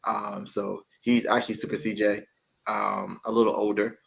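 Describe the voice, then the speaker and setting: A man being interviewed about his animated show, relaxed and a bit hesitant. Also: lowish voice, normal speed, gravelly. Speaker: guest, show creator. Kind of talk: casual interview.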